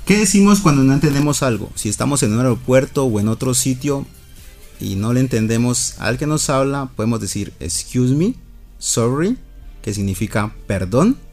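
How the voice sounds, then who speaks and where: Man teaching phrases over soft music. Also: mid-range voice, expressive. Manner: slows down to model English phrases, repeats them. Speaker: co-host of a language lesson. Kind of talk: teaching English phrases in Spanish.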